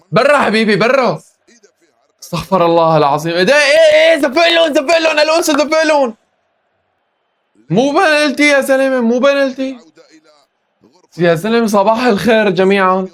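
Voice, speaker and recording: Hoarse excitable Levantine man, high voice. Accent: Levantine Arabic. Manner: excitable, groaning and exclaiming at every chance. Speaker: football reaction video host. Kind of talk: live match reaction.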